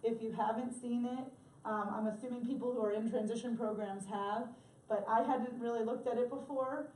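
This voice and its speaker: A woman's voice: fairly high pitch, steady tone, moderate pace, darkish tone. A woman presenting an assistive technology workshop, conversational and chatty with fillers. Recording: echoey room, mic far off, faint ambience.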